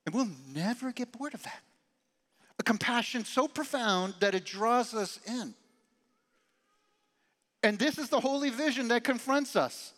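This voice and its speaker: A man preaching a sermon as pastor, emphatic and animated, sometimes dropping his voice very low and soft. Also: measured pace, pauses often, long reverb tail. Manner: animated, emphatic preaching with dramatic drops to quiet.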